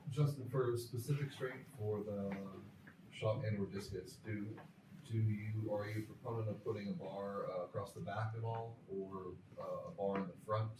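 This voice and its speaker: A man's voice: fairly low pitch, fairly even intonation, normal speed, background noise. A man in the audience asking the coach a question, hesitant and restarting himself. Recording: distant voice in a roomy hall.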